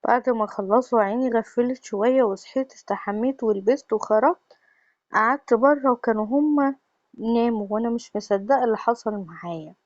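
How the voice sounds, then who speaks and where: A woman's voice: fairly high pitch, fairly quick, darkish tone, no room sound, highs cut off. Egyptian woman narrating a confession. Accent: Egyptian Arabic. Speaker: storyteller. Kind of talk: first-person confessional story narration.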